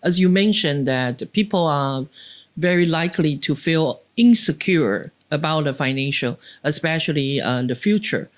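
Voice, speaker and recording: Taiwanese woman professor, halting speech. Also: sits low, lively intonation. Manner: halting, thoughtful, frequent uh and restarts. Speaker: professor, podcast guest. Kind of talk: interview answers.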